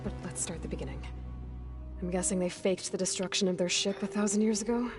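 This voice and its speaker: A determined, curious young woman hunter in a video game, voiced by an actress. She asks questions earnestly in a slightly low voice. A music score plays clearly behind her. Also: quick pace, lightly acted. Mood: inquisitive. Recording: game audio with background music.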